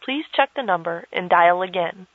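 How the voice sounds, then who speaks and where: A woman's voice: lowish voice, lively intonation, moderate pace, no echo. A woman reading a scripted disconnected number message in a formal way, with digits pieced together one by one. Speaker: telephone intercept announcer. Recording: dull lo-fi telephone recording.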